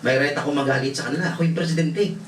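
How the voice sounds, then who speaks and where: A man's voice: on the high side, racing, a crowd in the background. A male pastor from the Philippines preaching a sermon, telling stories with laughter and mixing in English. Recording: roomy hall, voice from far off, faint noise.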